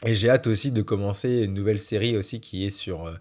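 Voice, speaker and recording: A man's voice: lowish voice, fairly even intonation, fast, a little mellow. A man, a primary school teacher, hosting his own podcast in casual solo chat, hesitating often with fillers and restarts.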